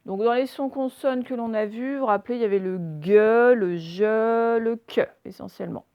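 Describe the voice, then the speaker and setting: A woman teaching a phonics reading lesson, sounding out letters slowly and deliberately and putting questions to her young listeners. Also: fairly high pitch, smooth, dull audio.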